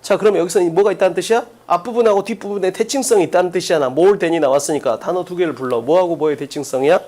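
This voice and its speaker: A man's voice: high-pitched, darkish tone. Emphatic man drilling an exam-prep class. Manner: drills students with rapid questions, emphatic. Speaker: English teacher.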